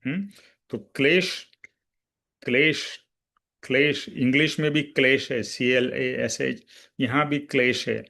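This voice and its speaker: A man's voice: mid-range voice, fairly even intonation, takes it slowly, vocal fry, pauses often, pushed and bright. A man teaching a spiritual study class, explaining patiently, slipping in English words and checking in with his listeners. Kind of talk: religious study-class talk.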